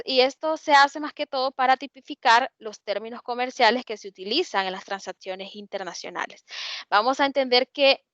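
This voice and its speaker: Giving an online lecture, a woman with a Honduran Spanish accent explains in a fairly high, fairly bright voice, often hesitating and restarting her sentences. The audio is dull and lo-fi, dry and close with no room echo.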